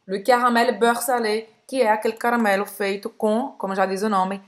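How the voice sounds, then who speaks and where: A Brazilian-accented woman hosting a relaxed language lesson. Her voice sits a little high, and she explains in a chatty, conversational flow. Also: normal speed. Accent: Brazilian Portuguese. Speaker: host, language teacher. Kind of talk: casual teaching chat.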